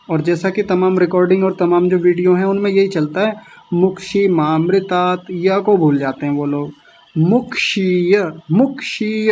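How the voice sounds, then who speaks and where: A man's voice: high-pitched, darkish tone, dull audio, a little hiss or hum. A man teaching an online class on chant pronunciation. He corrects his students patiently and repeats sounds, drawing syllables out one at a time. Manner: slow, drawn-out syllable-by-syllable chanting demonstrations.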